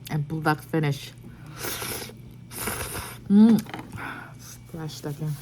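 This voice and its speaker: Casting: woman mukbang host, lower-pitched voice, brief casual remarks between noisy mouthfuls, background noise. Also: normal speed. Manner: speaks in short, fragmentary remarks. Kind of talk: mukbang, casual chat while eating.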